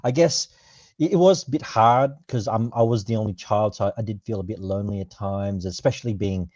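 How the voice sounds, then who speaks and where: Aussie guy, low voice, lots of ums and restarts, kinda dull dry audio. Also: brisk, darkish tone, no echo. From Australia. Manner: hesitant, many ums and restarts. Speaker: podcast panelist. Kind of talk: casual personal chat.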